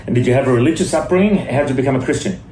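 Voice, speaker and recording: A man's voice: mid-range voice, very fast, warm tone. A man hosting an interview show, asking his guest about his life and nodding along with short affirmations. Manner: brief affirming backchannels. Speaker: host. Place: in Kampala, Uganda. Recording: echoey room, faint noise.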